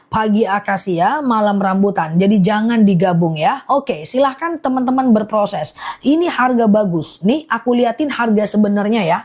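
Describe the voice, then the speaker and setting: A woman's voice: fairly high pitch, darkish tone. A young woman selling on a live stream, chatting casually, answering viewer comments and repeating herself over and over.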